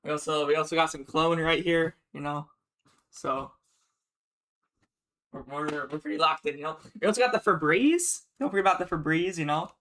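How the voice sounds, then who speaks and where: Young guy streaming from his bedroom, kinda high voice, rambly and fast, swears a lot. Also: steady tone, pushed and bright. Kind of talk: casual live-stream chat.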